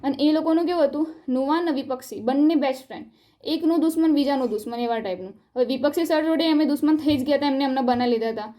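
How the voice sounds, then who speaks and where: A young woman's voice, set a little high yet mellow and soft-edged. She is a college student recounting events in an earnest, upset way. It sounds like a personal statement recorded on her own video. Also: fast. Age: young adult. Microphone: self-recorded video.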